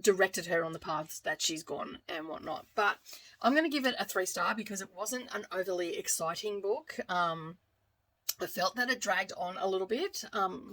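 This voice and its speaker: Speaking to camera, an Australian book reviewer and vlogger chats informally and rambles, correcting herself often as she goes. Her voice is fairly low with vocal fry and a fairly bright tone, and the audio quality is poor.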